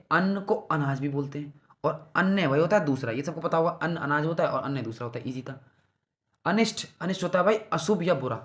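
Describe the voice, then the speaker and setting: A male tutor with a slightly raised pitch running through a casual revision lesson. He talks to the listener like a buddy. He says each word and its meaning several times over and keeps asking whether it is clear. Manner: calls the listener "bhai", speaks informally. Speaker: exam prep teacher.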